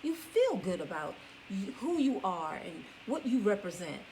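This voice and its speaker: Lively teasing woman co-host. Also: mid-range voice, normal speed, slight background noise, rough recording. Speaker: co-host, wife. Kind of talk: casual faith-based marriage chat, live stream.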